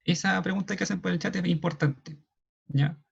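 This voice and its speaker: A man with a Chilean Spanish accent explaining signs in an online class, checking in often with a quick questioning "ya". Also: high voice, creaky, breathy edge. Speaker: sign language class moderator. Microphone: video call. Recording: dull lo-fi video call audio.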